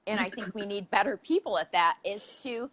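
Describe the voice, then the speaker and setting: Lady podcast host, super lively up and down voice, jokey, lots of ums and likes. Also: medium pitch, a little fast. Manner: informal, jokey, filler-laden. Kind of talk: casual chat, interviewing.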